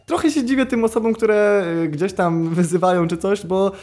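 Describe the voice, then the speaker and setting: Young male online creator, high voice, halting casual delivery. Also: a little mellow. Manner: hesitant, many fillers and restarts. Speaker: YouTuber and streamer, podcast guest. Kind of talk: casual podcast conversation. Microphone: podcast studio mic.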